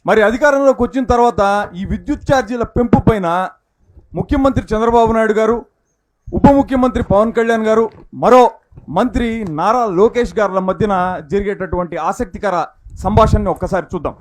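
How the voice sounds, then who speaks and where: A man's voice: sits high, brisk. A man presenting a satirical political street show in scripted, declamatory performer patter.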